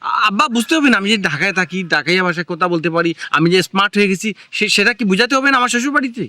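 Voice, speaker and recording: A man playing a lively, boastful young husband. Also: high-pitched, fast, no echo, heavily acted. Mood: insistent. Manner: boastful, show-off, insistent. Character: boastful young husband showing off city speech. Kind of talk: comic regional drama acting.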